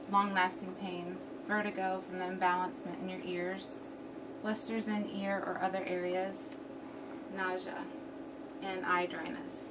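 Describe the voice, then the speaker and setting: A young adult woman giving a prepared student presentation to a class, her speech slightly numb and impaired on one side of the mouth. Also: on the low side. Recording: distant mic, clearly noisy room recording.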